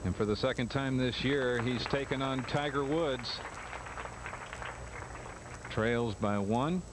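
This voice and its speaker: A man's voice: medium pitch, takes it slowly. A man working as a golf commentator, giving live commentary on tournament play over outdoor noise. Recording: noisy outdoor broadcast.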